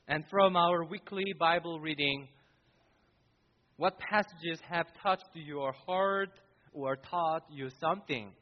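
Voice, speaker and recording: A man's voice: on the high side, long reverb tail, highs cut off. A man preaching a sermon in a church, earnestly addressing his congregation. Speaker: pastor. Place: church sanctuary.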